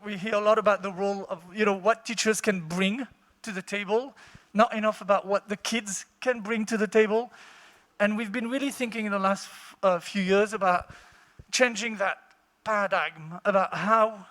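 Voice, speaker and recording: Man, very high light voice, womanly timbre, conversational conference talk, direct to audience, handheld mic. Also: fairly even intonation, normal speed, fairly bright tone, long reverb tail. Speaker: teacher, conference participant. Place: large indoor conference hall. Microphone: handheld microphone.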